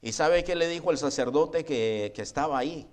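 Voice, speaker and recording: A man preaching a sermon in a church. He speaks conversationally, often calling the congregation "brother" and asking "right?", and he slows down when he reads scripture aloud. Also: a little high. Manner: conversational preaching, often adds "hermano" and "¿verdad?"; slow, deliberate congregational reading of scripture. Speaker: pastor. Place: church sanctuary.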